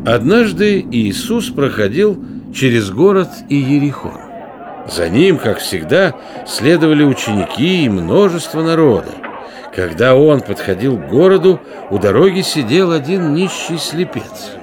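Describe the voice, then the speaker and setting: A man narrating a children's Bible story in an expressive storytelling manner. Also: on the high side, unhurried, crowd noise.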